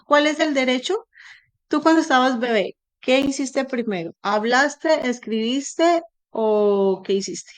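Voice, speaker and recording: A young adult woman, an English teacher, giving animated, chatty advice with plenty of examples in an online class over a computer mic. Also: high voice, a little slow.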